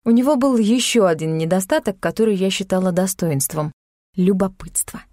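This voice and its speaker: A woman narrating a first-person novel as an audiobook, calm, wry and even-paced. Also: medium pitch, fairly quick, no room sound. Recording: dry close studio sound.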